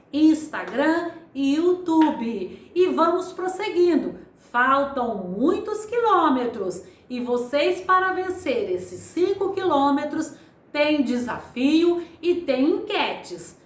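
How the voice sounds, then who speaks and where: A middle-aged woman teaching Portuguese grammar in a video lesson, explaining step by step and spelling out syllables slowly. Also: high-pitched, big pitch swings, roomy sound.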